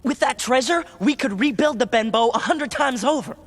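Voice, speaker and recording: A man voicing a youthful, energetic teenage boy with a vulnerable soft side in an animated film. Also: very high voice, moderate pace, big-room sound. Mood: eager, pleading.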